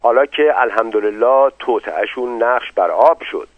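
A man voicing a calm middle-aged father who speaks quietly and tries to smooth things over, in a narrow phone-like recording. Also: medium pitch, dry recording, natural voice. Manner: quiet, conciliatory.

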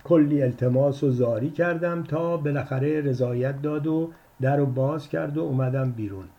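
A man voicing the story's flustered protagonist, hurried and defensive in dialogue. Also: fairly high pitch, lo-fi sound, voice pushed up, lightly acted.

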